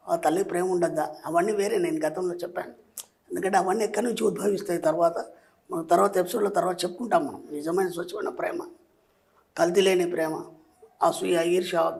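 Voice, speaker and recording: A middle-aged man, a spiritual teacher, giving advice as a guest and telling lively stories that act out what people say. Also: high-pitched, gravelly. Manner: lively storytelling, acting out quoted speech. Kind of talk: explanatory advice talk.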